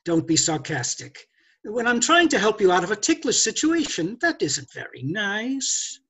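Haughty, persuasive thief played by an older man, stage play: husky, very animated, condescending lecturer. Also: sits high, normal speed, heavily acted. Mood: smooth condescension. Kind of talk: stage play read over video call. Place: indoors, curtained room. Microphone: video call.

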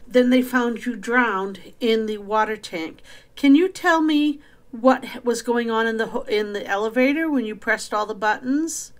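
A woman's voice: on the high side, unhurried. A middle-aged woman hosting a spirit box session in a casual, direct, questioning way. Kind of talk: casual vlog intro and slow questioning of a spirit.

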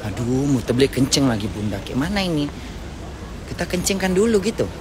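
A middle-aged woman ranting loudly and crudely to her viewers while walking a city street. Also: extremely low pitch, sing-song, fairly quick, a crowd in the background. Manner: brash, loud, foul-mouthed ranting to viewers. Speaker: live streamer. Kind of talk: casual live-stream chat while walking. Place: outdoors on a city street with traffic.

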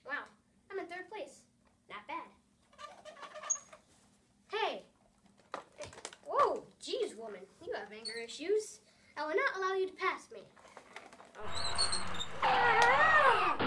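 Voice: very high-pitched, sing-song, unhurried, long pauses, very noisy. A young voice chattily voicing toy dogs in an amateur toy role-play. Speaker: home video creator voicing toy dogs.

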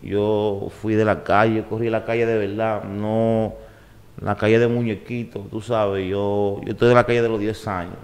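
A man's voice: fairly low pitch, little pitch movement, normal speed, a little mellow. Laid-back man in his forties. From Puerto Rico, raised in New York and the Dominican Republic. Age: 40s. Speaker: guest. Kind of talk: casual interview talk. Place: podcast studio. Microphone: desk mic on boom arm.

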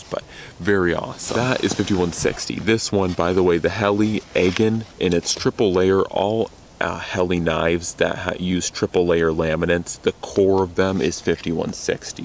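A man's voice: sits low, creaky, a little hiss or hum. A young American man reviewing knives outdoors in the snow in a rambling, enthusiastic way that often corrects itself. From United States. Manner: rambling, self-correcting, enthusiastic about gear. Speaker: knife reviewer. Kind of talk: casual gear review.

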